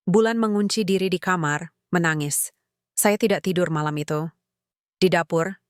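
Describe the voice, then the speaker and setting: A woman reading a scripted first-person story in a calm, measured way, in short phrases. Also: fairly low pitch, no echo, clean studio sound.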